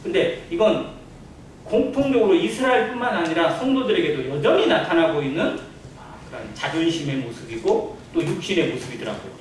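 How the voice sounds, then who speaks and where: A pastor giving a Sunday sermon in a church, preaching conversationally and putting rhetorical questions to the congregation. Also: male voice, on the high side, animated, a little fast, a little hiss or hum. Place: church sanctuary. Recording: very echoey church hall, from a distance.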